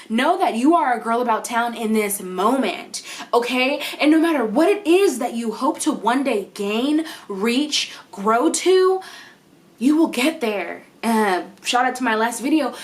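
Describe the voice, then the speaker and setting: A woman talking to camera in an earnest, encouraging way, giving motivational advice in a casual vlog. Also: a little high. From United States. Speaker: vlogger.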